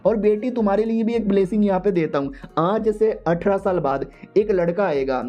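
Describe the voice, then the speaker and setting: A man's voice: high-pitched, normal speed, muffled recording, soft background music, lightly acted. A man voicing a sly male fortune teller who coos in sing-song baby talk. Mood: wheedling. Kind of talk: comic manhua recap voice.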